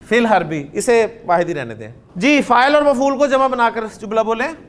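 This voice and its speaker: A man's voice: very high voice, lively intonation. A man from Pakistan, giving a classroom grammar lecture and drilling students with questions. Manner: deliberate, drills students with questions, spells out sounds slowly. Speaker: Arabic grammar teacher.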